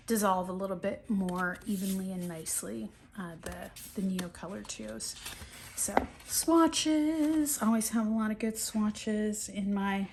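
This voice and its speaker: Here a middle-aged woman, allergy-stuffed and a little scratchy, casually narrates an art journal flip-through in a mid-range voice. Her talk wanders in a relaxed way, punctuated by frequent ums and restarts.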